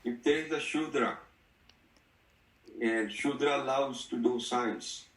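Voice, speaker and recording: A man's voice: mid-range voice, fairly even intonation, slow, fairly bright tone. A man presses his questions in a discussion, insistent and repeating himself. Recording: echoey room, distant mic.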